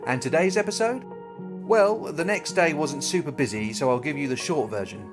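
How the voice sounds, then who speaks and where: A man's voice: fairly high pitch, animated, normal speed. A man narrating a scripted travel show as an upbeat host, with playful, wry storytelling. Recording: loud music bed behind voice. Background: guitar music.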